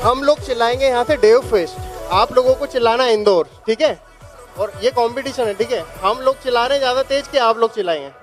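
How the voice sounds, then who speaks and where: A man's voice: very high voice, fast. A man, an organizer on stage cheerfully thanking everyone and explaining a crowd activity in a mix of English and Hindi. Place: large indoor event hall. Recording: music playing behind at a live event.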